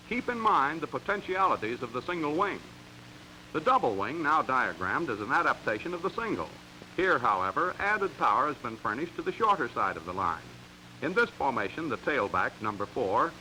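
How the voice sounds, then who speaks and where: Narrating a 1940s sports training film from a script, an American man uses a slightly high, sharp-toned voice and a crisp, emphatic, teaching style. The vintage audio is poor, with some background noise.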